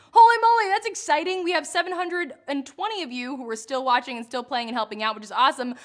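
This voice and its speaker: A woman's voice: sits high, a bit bright. A young woman hosting a live trivia game show, bubbly and jokey, laughing at her own puns as she reads out questions and answers.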